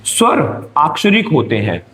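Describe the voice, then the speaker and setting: A man's voice: on the high side, wildly swooping pitch, measured pace, a bit bright. A male teacher giving an exam-prep grammar lesson, explaining step by step and checking in with his students.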